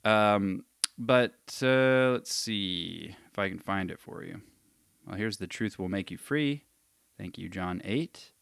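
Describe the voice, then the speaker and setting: A man's voice: fairly low pitch, slow, vocal fry, fairly bright tone, smooth, dry recording, studio quality. A man hosting a live question session, casually thinking aloud and reading long passages aloud with emphasis. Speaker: host answering viewer questions.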